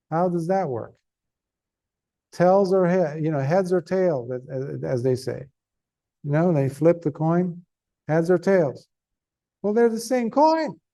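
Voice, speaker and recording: This Buddhist monk sounds tired as he talks about the Dhamma to a group, conversational and earnest, leaning on key words and pausing. The voice is fairly high-pitched but dark in tone.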